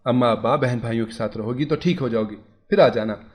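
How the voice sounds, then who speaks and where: A man voicing a worried, gentle young husband. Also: mid-range voice, a little fast, natural voice. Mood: coaxing. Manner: anxious musing, soft coaxing. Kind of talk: storybook character voice.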